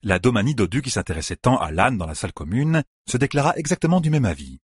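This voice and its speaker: A man narrating a fantasy audiobook in a measured storytelling manner. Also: mid-range voice, big pitch swings, breathy edge, no room sound, clean studio sound. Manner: measured storytelling, quoting characters.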